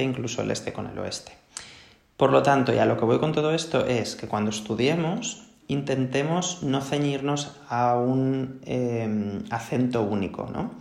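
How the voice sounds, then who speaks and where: A man's voice: medium pitch, creaky. A man from Spain teaching an English-exam lesson, explaining patiently with many "eh" fillers and checking "¿no?". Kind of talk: spoken exam tips lesson. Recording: echoey room.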